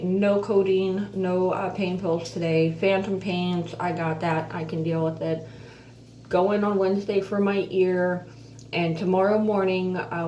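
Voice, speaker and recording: A woman with missing front teeth and softly slurred F sounds gives a casual, halting, chatty update as an earnest vlogger. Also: on the low side. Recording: roomy echo, distant mic, faint noise.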